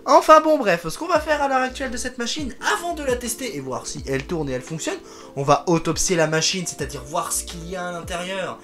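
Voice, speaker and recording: A man's voice: high-pitched, animated, fairly quick, fairly bright tone, soft background music. A man presenting a casual hands-on tech vlog, talking as he takes apart a computer, rambling and correcting himself often. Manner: rambling, self-correcting, fond of "donc". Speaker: tech video creator.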